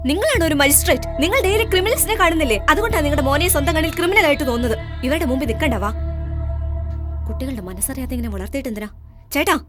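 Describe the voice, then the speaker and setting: An actress dubbing a spirited young woman who boldly stands up for her nephew in a film scene, talking back quickly and scolding. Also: sits high. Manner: bold, scolding, quick-tongued. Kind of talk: Malayalam film dub. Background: film score.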